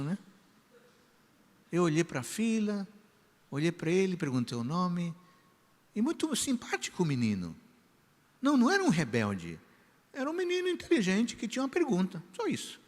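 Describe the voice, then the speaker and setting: A man preaching a sermon as pastor, who tells a story with lively quoted voices. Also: sits high, moderate pace, long pauses. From Brazil. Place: large church hall. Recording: church hall reverb.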